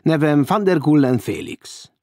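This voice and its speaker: A man's voice: a little high, lively intonation, dark tone, no room sound, studio quality, voice pushed up, close to an everyday voice. A man voicing a cheerful, courteous young man in pyjamas, breezy and lightly ironic, in an audiobook.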